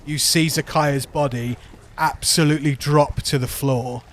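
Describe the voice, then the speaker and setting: A man's voice: a little high, steady tone, unhurried. Man narrating as game master, faint noise. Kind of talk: dramatic tabletop game narration.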